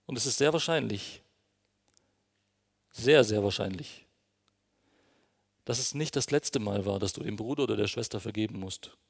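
Gravelly-voiced man preaching in a hall. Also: fairly low pitch, normal speed, pauses often. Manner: earnest, emphatic, addresses congregation directly. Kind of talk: sermon. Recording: long reverb of a hall.

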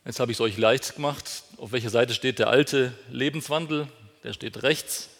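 A man of middle pitch delivering a sermon, asking questions aloud and answering them himself. He leans hard on important words, lifting his voice to drive each point home. His voice carries a long reverb, as if recorded in a large hall. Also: moderate pace, gravelly, fairly bright tone. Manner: emphatic, rises sharply on key words. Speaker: preacher.

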